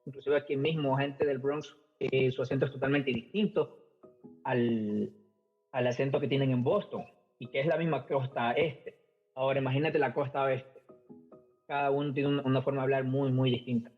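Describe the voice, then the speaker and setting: A man's voice: mid-range voice, fairly even intonation, moderate pace. A middle-aged man from Ecuador with an Ecuadorian Spanish accent, talking casually as a podcast guest, hesitant, with many fillers and repeated words. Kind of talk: casual conversational storytelling. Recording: muffled lo-fi podcast audio, faint music.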